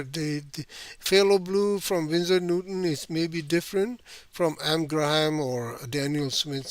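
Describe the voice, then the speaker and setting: A man's voice: a little high, creaky, dry recording. A man teaching watercolor, rambling. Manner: rambling, many fillers and tag "right?". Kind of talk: painting lesson demonstration.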